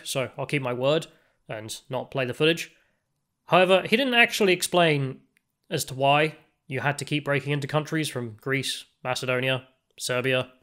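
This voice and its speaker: A man's voice: mid-range voice, bright, forceful tone. A man from the UK, a travel vlogger, thinking aloud in reflective commentary with restarts and asides while riding in a car. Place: inside a moving car.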